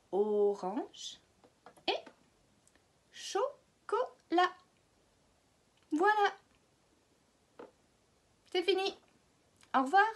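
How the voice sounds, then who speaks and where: A high-voiced woman with a French accent teaches small children a phonics lesson, stretching words out syllable by syllable.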